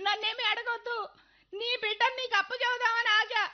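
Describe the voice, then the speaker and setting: A woman's voice: very high voice, little pitch movement, a little fast. A woman voicing a weeping young wife who pleads with her husband in a radio play. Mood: tearful. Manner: tearful, pleading. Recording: dull lo-fi recording.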